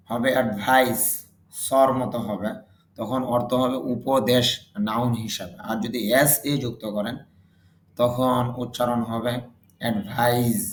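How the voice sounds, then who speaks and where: A man's voice: medium pitch, echoey room, a little hiss or hum. A man teaching English vocabulary, saying each word and its meaning twice and explaining pronunciation rules. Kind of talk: slow vocabulary drill lesson.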